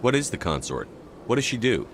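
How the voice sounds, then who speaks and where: An actor playing a human military commander in a video game, asking questions in a direct, matter-of-fact way. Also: male voice, medium pitch, sing-song, fairly quick, noisy background, close to an everyday voice. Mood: businesslike. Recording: game music behind the voice.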